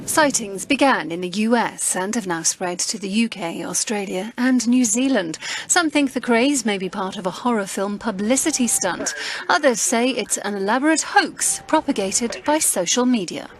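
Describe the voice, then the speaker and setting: A woman news reporter reading a scripted report in a brisk, formal way. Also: mid-range voice, lively intonation.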